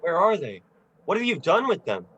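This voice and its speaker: A man's voice: high voice, wildly swooping pitch, normal speed, a bit bright, dull audio, slight background noise, full character voice. A man acting a desperate, stubborn family man in an amateur radio play. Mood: frantic.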